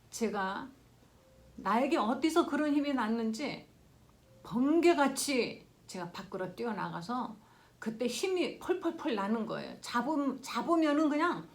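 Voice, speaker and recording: An older woman pastor preaching a sermon in an earnest storytelling way, swinging between loud exclaiming and hushed whispers. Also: on the high side.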